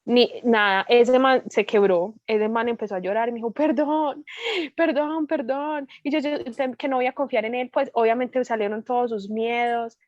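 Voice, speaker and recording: Colombian woman guest speaker, higher register, lively storyteller, dry muffled recording. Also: moderate pace, hardly any pauses, dry recording. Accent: Colombian Spanish. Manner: lively storytelling, acting out dialogue. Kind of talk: testimony in a prayer meeting.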